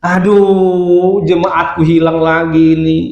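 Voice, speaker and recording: A man's voice: high voice, moderate pace, muffled recording, natural voice. A man voicing a sulking, scheming male devil who taunts and whines, in an echoey hall. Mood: whining.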